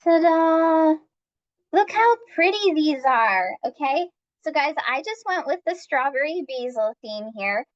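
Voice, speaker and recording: Upbeat high-voiced woman teaching cooking. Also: very animated, a little slow, few pauses, highs cut off. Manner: upbeat and chatty, talks to viewers while working. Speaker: cooking class instructor. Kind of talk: live-streamed cooking demonstration.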